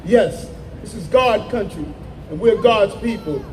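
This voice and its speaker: A man giving an impassioned public speech as mayor, often shouting with fervor. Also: high voice, a little slow, slight background noise, poor audio.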